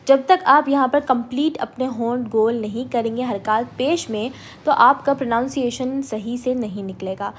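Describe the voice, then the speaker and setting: A woman teaching an online Quran recitation lesson. She explains pronunciation with English words mixed in, then drills syllables slowly and clearly. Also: a little high, a little hiss or hum. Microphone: video call or home recording.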